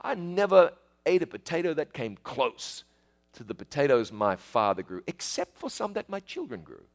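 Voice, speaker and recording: Speaking directly to his listener, a middle-aged New Zealander reminisces casually about growing up in a warm, folksy manner. His voice is on the high side and gravelly, very animated, with a moderate pace.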